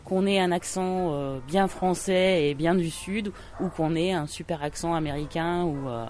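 A woman's voice: lowish voice, unhurried, darkish tone, a little hiss or hum. Hesitant woman with lots of fillers. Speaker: English conversation workshop leader. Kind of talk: interview answers.

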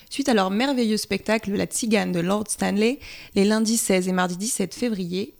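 A woman reading a scripted news report as narrator, with a steady read-aloud delivery. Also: mid-range voice, gravelly.

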